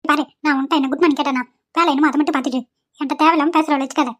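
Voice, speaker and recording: A domineering cartoon mother-in-law, voiced by a woman, cold and harsh, firing off quick scolding lines. The voice sits high and moves fast. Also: steady tone, natural voice. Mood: scornful. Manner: sharp, scolding.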